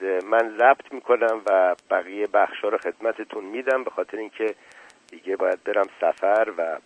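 A man's voice: lowish voice, dry recording, poor audio. Man reading a novel on radio. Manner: calm, courteous, hesitant fillers in chat. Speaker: radio book reader.

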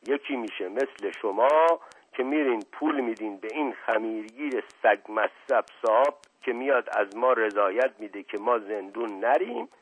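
A man voicing a coarse, hot-tempered butcher who talks in rough street slang. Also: medium pitch, expressive. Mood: indignant. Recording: tinny phone-like audio.

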